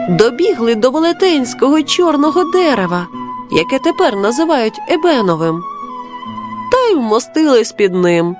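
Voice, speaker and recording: A woman reading a children's storybook aloud, gentle and expressive. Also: high-pitched.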